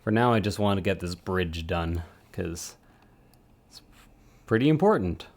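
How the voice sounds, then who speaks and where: His deep voice is animated but unhurried as he rambles through a casual live stream while working, making self-mocking asides. He's a streamer who supports 3D print models.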